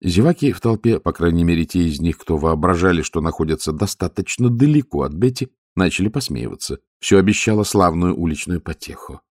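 A man narrating an audiobook in an expressive storytelling manner. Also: deep voice, brisk, hardly any pauses, no room sound, studio quality. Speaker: audiobook reader. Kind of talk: scripted narration.

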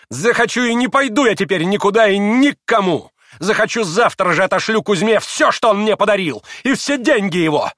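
A man voicing a proud, wild young woman who speaks in impassioned, shrill outbursts. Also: vocal fry, no room sound, clean studio sound.

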